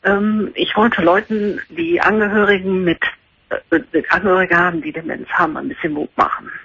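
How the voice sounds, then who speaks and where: Soft-spoken woman in her forties on a phone line. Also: mid-range voice, fairly even intonation, moderate pace, no echo. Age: 40s. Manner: quiet, speaks softly so as not to wake her family. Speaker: caller. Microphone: telephone. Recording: husky phone line into a radio show.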